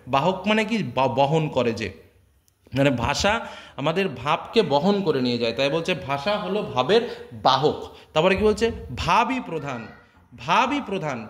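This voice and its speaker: A man with a high, light voice teaching a literature lesson. He reads quoted passages slowly and carefully, then breaks them down in plain everyday speech. He often checks that his students are following along. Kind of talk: explaining a text to students.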